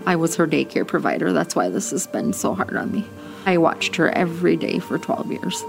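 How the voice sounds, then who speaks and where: A woman with a gravelly voice speaks eagerly and from the heart in an interview. Music sits clearly under her. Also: low voice, expressive, moderate pace. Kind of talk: emotional interview. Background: music bed.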